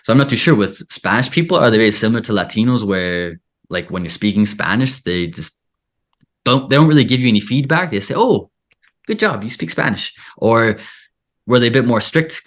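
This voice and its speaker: A man with a very deep voice talks casually as an interview guest. He rambles through his stories, cutting himself off and circling back to find his point. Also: fairly bright tone. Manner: rambling, self-interrupting storyteller. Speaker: guest, English teacher.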